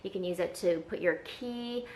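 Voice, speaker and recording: A woman's voice: on the low side, normal speed, darkish tone. A woman vlogger chatting casually and enthusiastically through an unboxing, with frequent ums.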